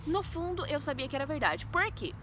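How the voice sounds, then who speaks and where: Very animated and a little fast, this high-pitched woman in her twenties tells her viewers a personal faith testimony in earnest, storytelling fashion. A vlogger with a Brazilian Portuguese accent, she calls her audience "gente," over a noisy background.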